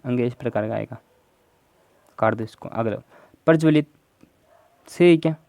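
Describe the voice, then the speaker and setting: Male Hindi grammar tutor, mellow voice. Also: mid-range voice, measured pace, no echo. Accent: Rajasthani. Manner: explains step by step, prompts viewers to answer. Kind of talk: exam prep lesson.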